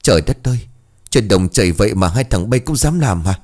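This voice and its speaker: A man doing an alarmed village man, quick and scolding, slightly raised voice, part of a narrated ghost tale. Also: lowish voice, expressive, darkish tone. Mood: shocked scolding. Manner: shocked, scolding.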